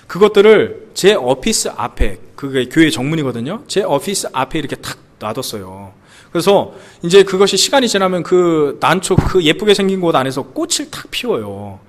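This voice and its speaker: Man in his thirties, pastor, lively sermon, rising and falling voice, slightly higher pitch. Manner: animated preaching with rhetorical questions to the congregation. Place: church sanctuary.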